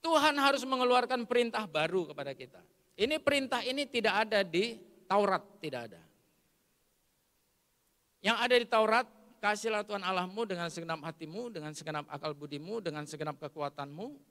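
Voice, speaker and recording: A man preaches to his congregation with an Indonesian accent, his voice high and bright. He swings between forceful, emphatic lines and sudden hushed asides. The sound carries a long reverb from a large church hall. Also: animated, fairly quick, long pauses. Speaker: pastor. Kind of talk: sermon.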